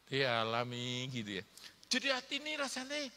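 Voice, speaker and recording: A man's voice: mid-range voice, wildly swooping pitch, moderate pace, sharp tone, long reverb tail. A male pastor with an East Javanese accent, preaching a sermon in a joking, teasing way and calling for amens. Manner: joking, teasing the congregation, calls for amen.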